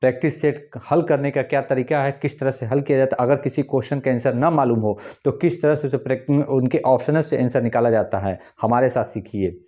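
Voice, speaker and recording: A man's voice: mid-range voice, fairly even intonation, brisk, hardly any pauses, warm tone. A man or teaching an exam-prep lesson, repeating key points and spelling words out syllable by syllable. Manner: addresses viewers as friends, urges them to pay attention.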